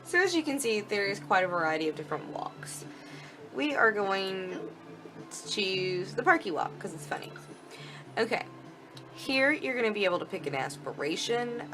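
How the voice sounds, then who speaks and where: Clicking her way through a game demo, a woman hosting gaming videos muses aloud in a casual, informal way. Her pitch is medium, and the audio quality is poor.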